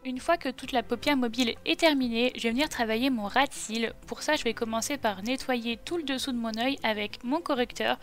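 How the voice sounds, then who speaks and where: A woman's voice: fairly high pitch, fairly quick, hardly any pauses, fairly bright tone. A woman vlogger talking through a makeup tutorial step by step in a chatty voice-over. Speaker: beauty vlogger. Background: faint background music.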